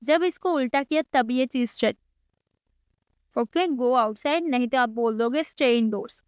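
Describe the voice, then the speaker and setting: In a casual screen-recorded coding lecture, a woman with a high, smooth voice speaks slowly and chattily, dropping English code terms into her Hindi and teasing her students on the side. There's no echo.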